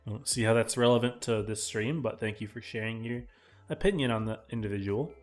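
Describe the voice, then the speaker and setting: A man casting a live esports match in a casual, chatty way, his voice tiring and often clearing his throat. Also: fairly low pitch, fairly quick, soft background music. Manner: casual, chatty, talks to chat viewers. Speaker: esports caster.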